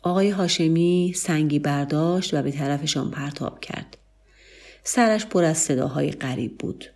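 Low voiced woman reading a story aloud, calm and measured. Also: creaky. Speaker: narrator.

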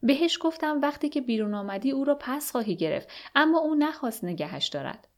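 A woman's voice: sits high, very animated, voice pushed up. Woman voicing a reassuring broad-shouldered blond man.

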